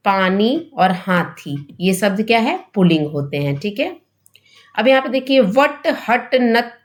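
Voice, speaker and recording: A woman teaching a grammar lesson for exam preparation. She asks questions and answers them herself, often tags on a checking question, and slows down to spell out example words. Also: medium pitch, very animated.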